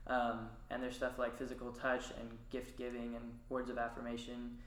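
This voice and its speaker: A man speaking hesitantly in a casual group discussion, with many "um"s and pauses. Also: mid-range voice, completely flat delivery, a bit bright. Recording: echoey room.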